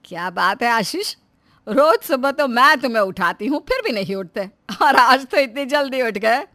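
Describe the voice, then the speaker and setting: A woman voicing a caring middle-aged mother who fusses over her son in an animated moral story, speaking with an affectionate, motherly warmth. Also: fairly high pitch, moderate pace, no echo, studio quality. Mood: doting. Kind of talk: cartoon voice acting.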